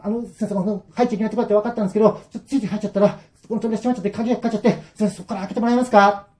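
A man's voice: high-pitched, very animated, mellow, voice pushed up. A man voicing a panicked young man trapped behind a locked door, pleading and apologizing in a rush. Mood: frantic pleading. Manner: frantic, apologetic, rushed pleading.

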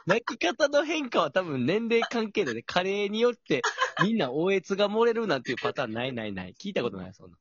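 A Kansai-accented man co-hosting a relaxed chat show. He teases with playful comebacks, and his voice swings widely up and down. The sound is dry and a little muffled. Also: sits high, fast, hardly any pauses, no room sound. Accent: Kansai Japanese. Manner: teasing, joking retorts. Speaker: podcast co-host. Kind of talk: casual chat.

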